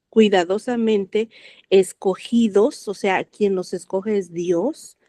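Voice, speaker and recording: A woman's voice: mid-range voice, warm tone, no echo. A woman joining a Bible reading circle discussion, thinking aloud with hesitant fillers and correcting herself as she goes.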